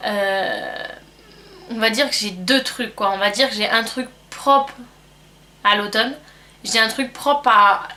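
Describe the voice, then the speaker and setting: A young beauty vlogger from France, who has a cold, chats at home while answering a tag, rambling and hesitating with lots of fillers. Her medium-pitched voice sounds pushed and bright, and she takes it slowly with frequent pauses.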